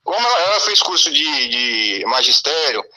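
A man's voice: a little high, big pitch swings, moderate pace, pushed and bright. A man with a Brazilian Portuguese accent calling in and asking questions hesitantly, often restarting his words. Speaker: caller. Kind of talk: casual phone call. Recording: tinny phone line.

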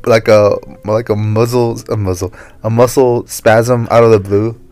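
A man's voice: on the low side, level tone, unhurried, a little mellow. A young man co-hosting a podcast, teasing his friend and asking lots of questions in casual chat. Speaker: podcast co-host.

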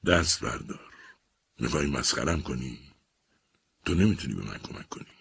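A man voicing a troubled young army lieutenant who is withdrawn and bitter, speaking in a flat, curt, guarded way. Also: very deep voice, gravelly, breathy edge, full character voice.

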